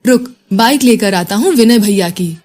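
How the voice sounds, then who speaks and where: A woman's voice: mid-range voice, expressive, normal speed, a little mellow, soft background music, natural voice. Pushy young male friend from the hostel, voiced by a female narrator, brash and bossy.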